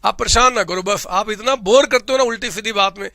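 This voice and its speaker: A man putting on a teasing young student who keeps calling the teacher "sir" and doubts his tall tales. The voice is a touch lower than the teacher's own, gravelly and bright, and recorded close and dry. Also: no room sound, heavily acted. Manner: replies in quick, deferential "sir" chants.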